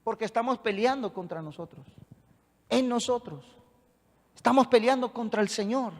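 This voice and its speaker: A man's voice: extremely high pitch, moderate pace, a little mellow, in a large hall. A man preaching a sermon as pastor, emphatic and rousing, calling on the congregation to answer back.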